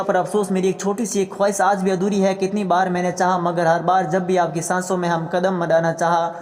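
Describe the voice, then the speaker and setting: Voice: medium pitch, darkish tone, natural voice. A narrator reading the letter of a young wife who is hurt and longing for her husband. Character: grieving young wife writing a love letter. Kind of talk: scripted story narration. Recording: long hall reverb.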